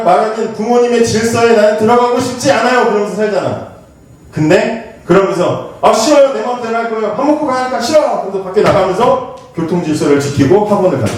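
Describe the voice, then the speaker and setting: High-voiced pastor echoing through a hall. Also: male voice, a little hiss or hum. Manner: lively and conversational, asks the teens questions and acts out quoted lines. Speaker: pastor preaching to teens. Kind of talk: youth sermon. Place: church sanctuary. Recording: very echoey hall, voice from far off the mic.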